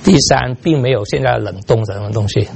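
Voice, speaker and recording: An older man, a pastor, preaching a sermon full of lively personal stories, slipping in English words and laughing at himself. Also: mid-range voice, a little fast, gravelly, noisy background.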